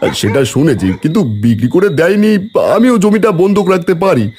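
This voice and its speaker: A man plays a gentle young farmer husband in a storybook cartoon, his voice slightly husky and fairly high. He coaxes and reassures in a lively way. Faint music plays behind. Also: a little fast, full character voice. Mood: reassuring. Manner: coaxing, reassuring. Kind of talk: cartoon voice acting.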